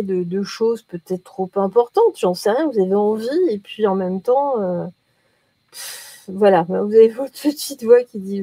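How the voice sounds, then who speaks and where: A woman's voice: mid-range voice, gravelly, dark tone, husky, dry recording. A woman giving a casual daily oracle card reading, chatty and playful, often hesitating as she talks.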